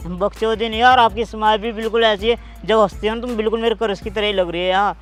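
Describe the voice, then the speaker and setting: A man's voice: high-pitched, steady tone, quick pace, soft background music, lightly acted. A man acting a pushy young man who keeps insisting a stranger looks like his crush in a comedy sketch. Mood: pestering. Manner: insistent, wheedling, says "yaar" constantly.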